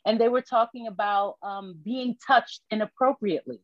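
A woman from Haiti, a podcast guest, telling her personal story in a reflective, candid way with halting restarts. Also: mid-range voice, dry recording, muffled recording. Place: New York.

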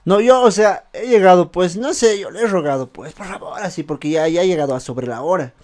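A young man, co-hosting a podcast and telling a story in a casual, animated way. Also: high voice, a little fast. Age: young adult. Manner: animated, acts out quotes in a raised voice, laughs often. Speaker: podcast co-host.

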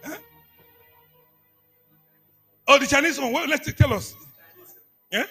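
A man preaching a sermon, calling out to the congregation and repeating phrases, swinging from hushed asides to shouts. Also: very high voice, fast, faint music behind. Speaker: apostle preaching.

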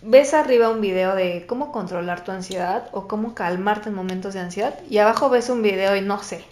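A woman with a Mexican accent in casual conversation, talking animatedly and fast, often mimicking other people. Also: mid-range voice, a little mellow, reverberant. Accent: Mexican Spanish. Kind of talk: casual chat.

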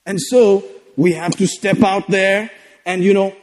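A man's voice: high-pitched, steady tone, measured pace. A man with a Malayali Indian English accent preaching a sermon in a conversational, joking, exhorting manner, often calling for amens. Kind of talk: sermon to a congregation, exclamatory call-outs. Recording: echoey hall with long reverb.

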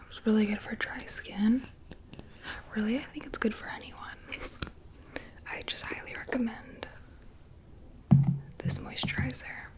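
A woman doing a whispered role-play as a gentle, soothing spa attendant, in a soft, breathy whisper. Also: on the high side. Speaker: ASMR host playing a spa beautician.

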